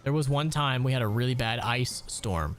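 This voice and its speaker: A man's voice: medium pitch, moderate pace, fairly bright tone, soft background music. A man in his late twenties from Ohio, chatting casually and profanely while gaming on a stream. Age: late 20s. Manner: rambling, profane storytelling.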